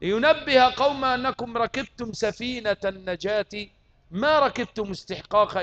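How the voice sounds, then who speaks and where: A man's voice: high voice, pushed and bright, highs cut off. A man with an Egyptian accent preaching a sermon, firing rhetorical questions at his listeners and mixing colloquial and classical speech. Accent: Egyptian Arabic.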